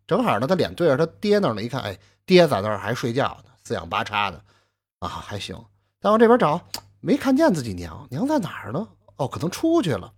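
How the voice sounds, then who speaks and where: Husky guy telling an old folk tale, voice jumps all over. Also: medium pitch. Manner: animated, asides to the listener. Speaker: storyteller. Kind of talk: traditional storytelling narration.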